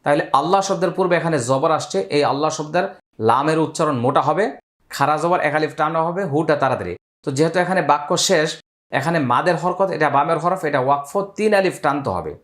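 A male teacher in a step-by-step recitation lesson, patiently naming each letter and vowel mark. He then chants the words in a slow, stretched, melodic way. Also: on the high side, a bit bright. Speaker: Quran teacher.

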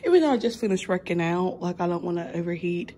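A woman's voice: on the low side, expressive, quick pace, mellow, slight background noise. A young adult woman, a kindergarten teacher, chatting casually to her camera in a rambling way with lots of ums and restarts. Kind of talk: casual vlog chat.

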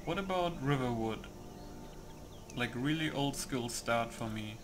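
A man with a mid-range, lively voice speaks unhurriedly, giving casual commentary as he hosts a game playthrough. He thinks aloud and mutters hesitantly to himself. Game music plays in the noisy background.

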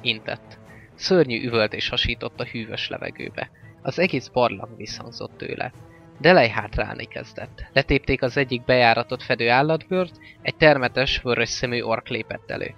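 A man reading a fantasy novel aloud as an audiobook narrator, in a steady, even-paced way. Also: medium pitch, vocal fry. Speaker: audiobook reader. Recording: slightly dull lo-fi with faint music.

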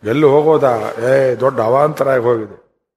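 A man voicing a fussing queen mother who scolds her husband and soothes her daughter, in a brisk scolding manner, in a reverberant hall. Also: medium pitch, darkish tone, lightly acted.

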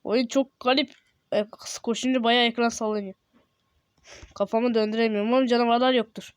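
A young man with a sore throat giving casual, excitable commentary while playing a game, yelping and exclaiming when startled. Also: very high-pitched, fairly quick, clear, resonant tone, no echo. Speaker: gameplay video host.

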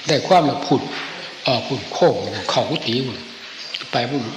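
An older man, a senior monk with an Isan northeastern Thai accent, telling stories from memory in an informal, animated old-man way and acting out the dialogue. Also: medium pitch, moderate pace. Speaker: senior Buddhist monk reminiscing. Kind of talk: informal storytelling, reminiscing. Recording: echoey hall with clear background noise.

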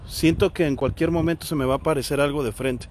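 Mexican guy ghost hunting in a graveyard at night, high voice, jumpy and hushed, bit of noise behind. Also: steady tone, quick pace. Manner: hushed, jumpy, calling out to spirits. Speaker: paranormal investigator vlogger. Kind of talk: ghost-hunting vlog narration. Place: cemetery outdoors at night.

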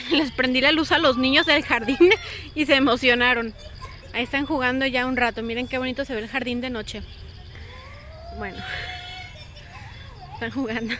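A woman's voice: high-pitched, steady tone, moderate pace, long pauses, background noise. Chatty Mexican woman vlogging. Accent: Mexican Spanish. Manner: chatty, repeats phrases for emphasis. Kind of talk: casual vlog chat.

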